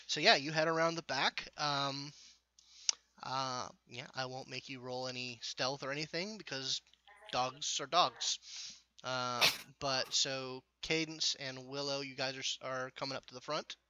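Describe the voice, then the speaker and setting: A man's voice: medium pitch, fairly even intonation, a little slow, pushed and bright, a little hiss or hum. A man narrating as game master for a tabletop game, talking with many fillers and restarts. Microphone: video call. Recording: muffled, lo-fi online call.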